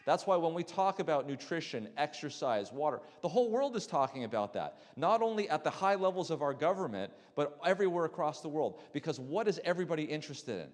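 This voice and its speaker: A physician giving a conversational health lecture to a church audience, asking the room questions and often restarting his sentences. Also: fairly high pitch. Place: church hall before an audience. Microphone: handheld mic, battery swapped. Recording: long hall reverb.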